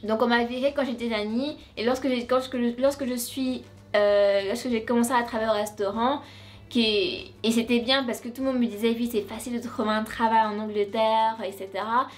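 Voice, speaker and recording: A woman's voice: a little high, fairly even intonation, fairly quick. A young woman from France telling her story to camera in a casual vlog, chatty and full of restarts and asides. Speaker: vlogger.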